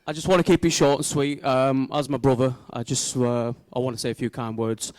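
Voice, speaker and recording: A man delivers an informal wedding speech in a smooth, clear voice with very little echo. He sounds sincere and slightly hesitant, like a brother addressing family and friends. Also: medium pitch, flat delivery, fairly quick, a little mellow.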